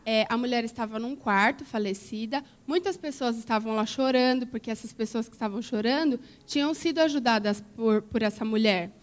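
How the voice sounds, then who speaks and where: A woman tells a Bible story to a group of children at church, her voice sitting a little high. She coaxes the kids with questions as she goes and keeps it simple for young listeners. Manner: coaxing, asks children questions.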